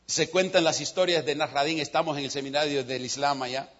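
High, husky man preaching. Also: brisk, dull audio. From United States. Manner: animated storyteller, changes voice for characters. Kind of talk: sermon with storytelling.

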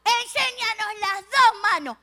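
A woman voicing a gang of big male thugs in a storytelling show, with a menacing, shouting manner. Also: very high voice, slow, creaky, pitched above the performer's own voice, full character voice.

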